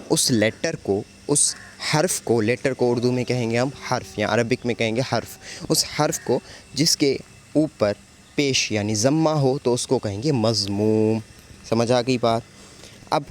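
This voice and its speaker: A man's voice: mid-range voice, a little hiss or hum. A man teaching a lecture on Arabic grammar terms, often asking a question and answering it himself while he repeats the key words. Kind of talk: explanatory lecture.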